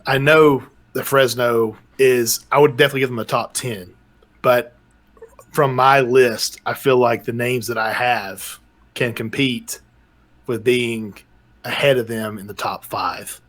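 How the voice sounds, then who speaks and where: A man's voice: mid-range voice, steady tone, a little slow, a bit bright. Easygoing male sports podcast co-host. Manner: easygoing, rattles off stats. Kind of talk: casual sports debate.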